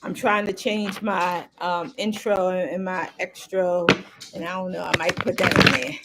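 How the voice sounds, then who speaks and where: A woman's voice: fairly low pitch, flat delivery, normal speed, heavy background noise. A woman hosting her own live stream, chatting casually and rambling as she talks straight to her viewers. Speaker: livestream host.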